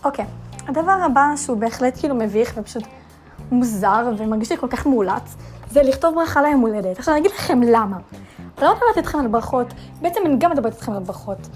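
A young woman hosts a casual solo podcast in a fairly high, expressive, slightly mellow voice, with faint music playing behind her. She's chatty and full of fillers, stacking up dramatic rhetorical questions.

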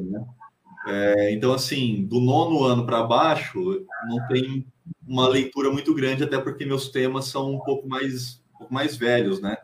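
A Brazilian man, a writer and teacher, answering interview questions casually with many pauses and restarts. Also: mid-range voice, reverberant, slight background noise. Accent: Brazilian Portuguese. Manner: hesitant, many fillers and restarts.

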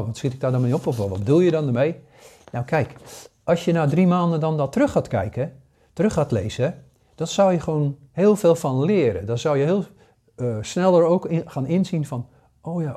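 A man in his sixties gives a casual spoken lesson. His voice is warm and mellow, and his talk is full of fillers, restarts and hesitations. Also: mid-range voice. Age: 60s. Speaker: paranormal course teacher.

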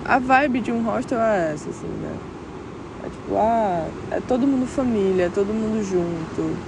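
A young woman with a slightly high voice chats to her viewers from a clifftop above the beach, background noise audible. She's reflective and casual, using plenty of slang.

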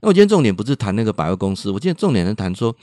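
Older Taiwanese radio host, animated storytelling, dry studio sound. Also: male voice, lowish voice, racing, dry recording. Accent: Taiwanese Mandarin with Hokkien words. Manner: lively storytelling, repeats words, mimics voices.

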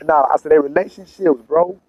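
Man, fairly high voice, casual conversation, blunt and profane, streetwise slang, repetitive, dull lo-fi sound. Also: a little fast.

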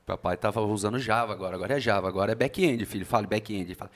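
A young Brazilian man with a Brazilian Portuguese accent, a guest chatting casually and telling relaxed, slangy stories about work and his son. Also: on the low side, rapid-fire. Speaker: podcast guest, senior developer. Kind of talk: casual chat.

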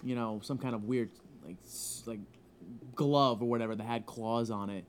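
Young man, casual podcast chat, excitable, profane, laughs a lot, faint background hiss. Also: mid-range voice, moderate pace. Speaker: podcast panelist.

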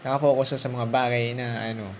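A man at a mid-range pitch talks casually and encouragingly, often turning to the listener with little asides. He mixes Tagalog and English as he goes, alone in his room with a faint hiss of noise behind him. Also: flat delivery, fast. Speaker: vlogger. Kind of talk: casual motivational monologue.

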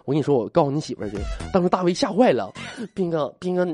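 Animated radio comic. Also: male voice, on the high side, racing. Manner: chatty, teasing, animated. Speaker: radio comedy host. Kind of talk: comic storytelling monologue.

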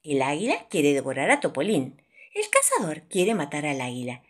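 A woman reading a children's storybook aloud in a playful, animated way. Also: low voice, normal speed. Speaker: storybook narrator.

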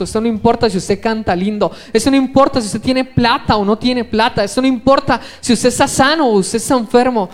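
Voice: medium pitch, a little mellow. A preacher delivers an impassioned sermon full of rhetorical questions.

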